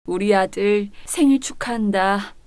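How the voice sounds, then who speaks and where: A woman voicing a doting elderly mother who speaks softly and gently. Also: medium pitch, unhurried, clean tone, no echo, voice pushed down, close to an everyday voice.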